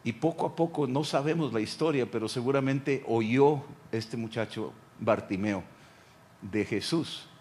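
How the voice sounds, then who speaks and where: A pastor preaching a sermon, speaking directly to the listener and acting out the voices of Bible figures. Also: male voice, medium pitch, unhurried, a little mellow.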